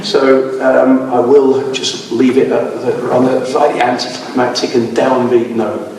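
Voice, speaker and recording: Captured at a distance in an echoey hall with crowd noise around him, this man gives a loose public talk with slides, full of fillers and false starts as he wanders through his points and loses his voice. His pitch is mid-range and barely moves, and his pace is measured.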